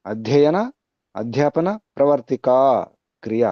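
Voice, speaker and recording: Man slowly explaining a Vedic verse. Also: mid-range voice, no room sound, lo-fi sound. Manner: chants the verse slowly, then explains it in measured phrases. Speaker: Vedic teacher.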